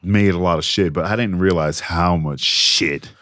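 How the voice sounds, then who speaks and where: A man's voice: deep voice, normal speed, a bit bright, no echo, clean studio sound. A man co-hosting a podcast in casual, profane, laid-back banter. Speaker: podcast co-host. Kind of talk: casual chat.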